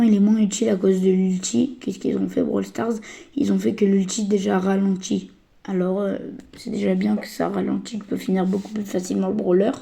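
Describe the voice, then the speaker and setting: Croaky, hesitant woman giving game tips. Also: mid-range voice, mellow. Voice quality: slightly croaky voice. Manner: hesitant, stammering, many fillers. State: a little sick and tired. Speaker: gaming channel host. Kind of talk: casual gameplay tips.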